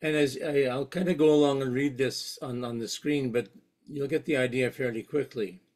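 A man giving an earnest, reflective faith talk at a parish session, reading quotations aloud with halting restarts. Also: medium pitch, fairly even intonation, darkish tone.

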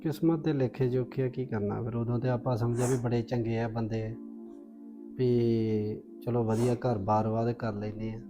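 A woman playing a grown man, a gentle brother on a visit who soothes and politely refuses. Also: a bass voice, steady tone, normal speed. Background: music.

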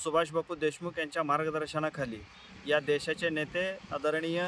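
Even-toned male politician, noisy outdoor recording. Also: on the high side, moderate pace. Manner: deferential, formal, honorific-laden. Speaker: local party leader. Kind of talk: formal public appeal to camera. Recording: noisy outdoors with traffic ambience.

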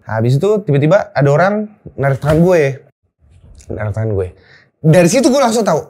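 A woman with a lowish voice that swoops up and down as she tells a story in a relaxed interview. She talks in casual slang and repeats words for emphasis. She acts out her own thoughts as she goes. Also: fairly quick. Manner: animated, acts out quoted thoughts. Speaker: guest.

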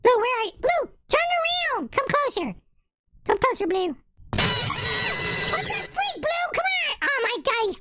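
A man's voice: very high voice, wildly swooping pitch, slow, long pauses, shouting, heavy background noise, exaggerated voice. A man voicing a bratty, giggling little boy who taunts and whines in a comedic game video. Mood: playful. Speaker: gaming video creator. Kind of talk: comedic game role-play.

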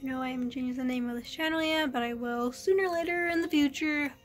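A woman's voice: high voice, fast. A young woman chatting casually to her vlog viewers, with a slight slurred lisp from wearing a retainer, filmed on a phone at home. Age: young adult. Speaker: vlogger. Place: rooms at home. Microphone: phone at arm's length. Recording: faint room noise, phone recording.

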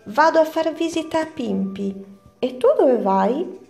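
A woman's voice: high voice, lively intonation, a little slow, gravelly, warm tone, soft background music, pitched above the performer's own voice, exaggerated voice. A woman voicing a sweet little teddy bear. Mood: friendly.

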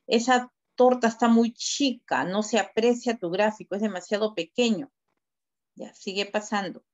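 In an online class, a woman teacher reviews student work over a video call, speaking at a normal speed in a mid-range, slightly mellow voice. She is direct and corrective and gives instructions step by step. The recording sounds dull and lo-fi.

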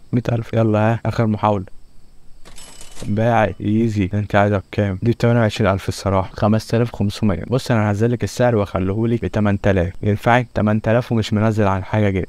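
Fast-talking Egyptian gamer, low voice. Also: male voice, darkish tone, no room sound. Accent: Egyptian Arabic. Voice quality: joking, bantering with game customers. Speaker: gaming YouTuber. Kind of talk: let's-play commentary.

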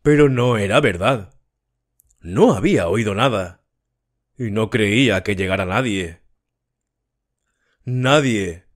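A man reading a novel aloud as an audiobook narrator, slow and measured. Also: mid-range voice. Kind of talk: scripted narration.

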